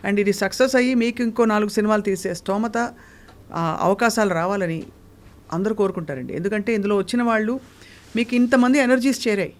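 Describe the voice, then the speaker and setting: Fast-talking woman interviewer. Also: mid-range voice. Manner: respectful, encouraging. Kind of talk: interview questions.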